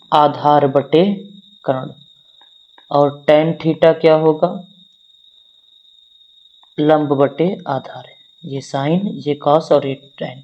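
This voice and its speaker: Mellow-voiced male maths teacher, quizzing students. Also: fairly high pitch, lo-fi sound. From northern India. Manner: talks directly to students, asking questions and answering them himself. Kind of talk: classroom-style maths lesson.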